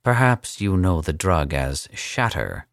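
A man voicing a suave, cold and amused older captor in a slow, condescending manner. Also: deep voice, sing-song, dry recording, clean studio sound, heavily acted. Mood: calm, menacing. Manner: smooth, unhurried and condescending.

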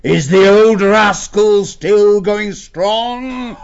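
A man voicing a huge, fierce old male badger lord who speaks slowly and gravely. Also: heavily acted. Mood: stately. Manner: slow, booming and grave. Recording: dull lo-fi audiobook recording.

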